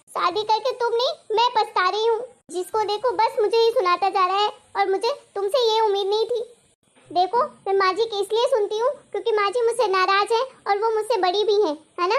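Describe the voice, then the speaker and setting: Woman doing a young wife who talks back sharply, very high voice. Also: fairly even intonation. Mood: defiant. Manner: defiant, quick retorts. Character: young wife, sharp-tongued daughter-in-law. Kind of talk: cartoon voice acting.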